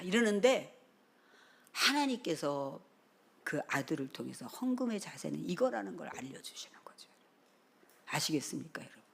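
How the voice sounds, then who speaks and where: A middle-aged woman pastor preaching a sermon, telling stories with lively acted-out dialogue, sometimes dropping to a whisper and then rising loud. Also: fairly high pitch, slightly rough. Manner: animated storytelling, acts out dialogue, drops to a whisper and then bursts loud.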